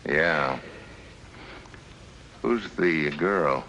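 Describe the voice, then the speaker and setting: An actor playing a tough, terse American special agent in a 1950s radio drama. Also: male voice, very deep voice, animated, very slow, bright, forceful tone, lo-fi sound, a little hiss or hum, full character voice. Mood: wry. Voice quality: terse, wry.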